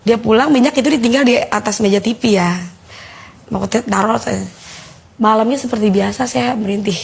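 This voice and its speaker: A woman with a Betawi Jakarta accent giving a casual personal testimony, telling her story in a lively way and acting out the voices of others. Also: on the high side, brisk, creaky, husky. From Jakarta, Indonesia. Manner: animated storyteller who acts out quoted voices. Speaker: guest giving a faith testimony.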